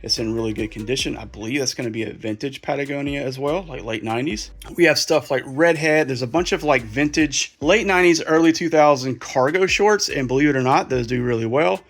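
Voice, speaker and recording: Talking a bit fast with few pauses, this medium-pitched man works through a pile of resale clothes. It's casual vlog chatter, a little breathless, as he thinks out loud while sorting.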